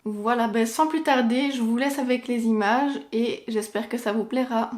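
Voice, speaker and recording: A woman's voice: on the high side, fairly even intonation, normal speed, darkish tone. Chatty woman beauty vlogger. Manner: chatty, many fillers like "donc" and "ben". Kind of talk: casual chat.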